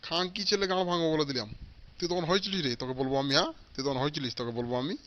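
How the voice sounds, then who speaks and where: A man voicing a stingy, foul-mouthed old father in a comic cartoon, shouting and cursing at his family. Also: fairly high pitch, animated, very fast, dull audio, slight background noise. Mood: angry. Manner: shouting, cursing, repeating threats.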